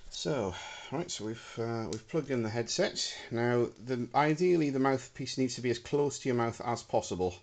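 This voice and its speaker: Filmed on a handheld camera mic in an indoor room with a wooden floor, a hobbyist prop maker demonstrates his homemade electronics. His mid-range voice runs at normal speed with hardly any pauses, yet he sounds casual and hesitant, saying um a lot while handling gear.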